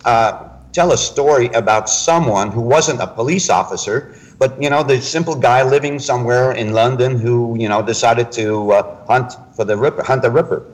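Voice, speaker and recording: A man with a French Canadian accent casually introducing his work as a panel guest, in a hesitant, halting way. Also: mid-range voice, low-quality recording. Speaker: novelist, podcast panel guest. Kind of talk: casual spoken book introduction.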